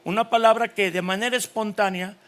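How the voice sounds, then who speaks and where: A Mexican man in his sixties, a pastor giving a lively, joking sermon at a church conference, full of stories. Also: high-pitched, a little fast. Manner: animated, storytelling, jokes with the audience.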